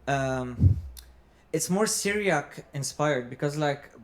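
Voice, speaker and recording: Higher-voiced man chatting. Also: animated, slow. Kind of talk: casual conversation about music and culture.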